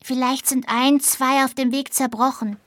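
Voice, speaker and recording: A woman reading a storybook, voicing a cheerful, slightly timid little girl in a soft childlike voice. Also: sits high, expressive, unhurried, dry recording, studio quality, voice pushed up.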